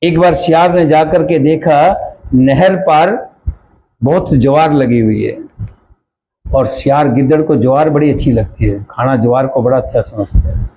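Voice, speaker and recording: A man giving a devotional sermon, telling a fable in measured storytelling and chanting verses. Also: mid-range voice, dark tone, a little hiss or hum, poor audio. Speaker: religious storyteller.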